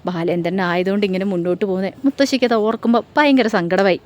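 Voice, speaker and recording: A woman's voice: mid-range voice, racing, a little mellow. A woman retelling a television serial episode as a story, reading out the characters' lines in her own voice.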